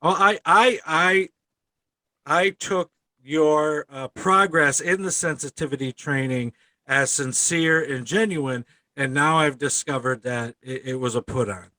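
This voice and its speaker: A man hosting a podcast in casual chat, with a halting, stammering delivery. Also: fairly high pitch, pushed and bright, dry recording. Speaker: podcast host.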